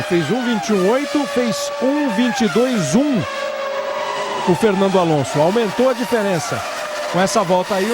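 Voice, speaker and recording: A Brazilian man working as lead motorsport commentator, calling race positions and lap times live. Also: sits high. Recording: loud race-car engine noise. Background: race cars and engines roaring.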